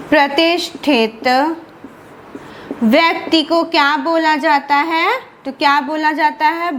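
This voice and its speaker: Slow, high-voiced woman teaching exam prep. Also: a bit bright, a little hiss or hum. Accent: Indian Hindi. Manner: asks questions then answers them, repeats key terms slowly. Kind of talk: classroom lecture with repetition and revision.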